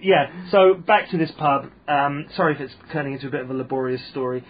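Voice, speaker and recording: A man's voice: on the high side, quick pace, slight background noise. A man with a posh English accent, a comedian chatting on a podcast, rambling and hesitant with frequent fillers. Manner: rambling, hesitant, self-deprecating. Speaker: comedian guest. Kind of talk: casual podcast interview. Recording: muffled lo-fi sound.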